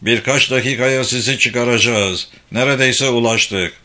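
A man voicing a hoarse male rescue digger in an audiobook, calling out in a coaxing, reassuring way. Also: medium pitch, steady tone, a little slow, bright, forceful tone. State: hoarse from shouting.

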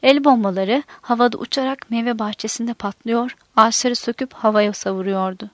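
A woman narrating a novel in a steady, measured reading voice. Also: on the high side, dry recording. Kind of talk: scripted narration of a war novel.

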